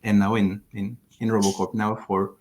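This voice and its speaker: A man from France with a low, gravelly edge to his voice, thoughtful and explanatory. He speaks over a headset on a video call from a home living room. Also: flat delivery, moderate pace, darkish tone. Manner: thoughtful, explanatory, with frequent restarts. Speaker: platform engineering lead. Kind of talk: livestream interview.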